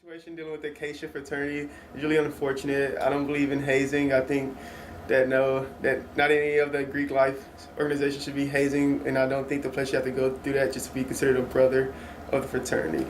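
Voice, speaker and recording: A man gives plain-spoken answers as a student interviewee. His voice stays almost completely flat in pitch. Faint background noise sits behind him. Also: fast talker.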